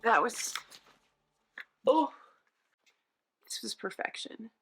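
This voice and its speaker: A woman's voice: fairly high pitch, lively intonation, slow pace, husky. A woman book vlogger crying as she casually shares her reaction to what she is reading.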